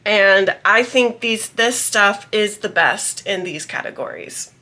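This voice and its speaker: A woman's voice: medium pitch, expressive, slow pace, bright, forceful tone. A young woman vlogger chatting casually about beauty tips, her voice a little nasal from a cold, rambling with many ums. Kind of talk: casual chat to camera.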